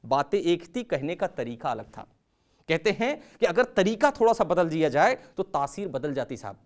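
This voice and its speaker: A man working as a communication trainer, giving a motivational talk that includes a story. He tells it dramatically, with sudden jumps in loudness and pitch, and speaks to viewers as friends. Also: very animated, moderate pace. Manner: addresses viewers as friends, mixes English words into Hindi.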